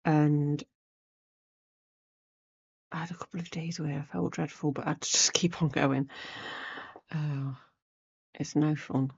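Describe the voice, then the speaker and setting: A woman with a deep, cold-roughened voice and lots of gravelly fry runs a casual craft tutorial on needlework, keeping a level tone. She goes slowly and pauses often, unscripted and rambling as she thinks aloud mid-task. The audio is a little mellow and slightly dull.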